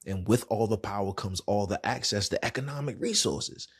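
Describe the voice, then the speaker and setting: A man's voice: on the low side, normal speed, slightly rough. A man with a Washington DC accent, a podcast host and therapist, talking candidly and casually in a monologue. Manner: candid, conversational, colloquial.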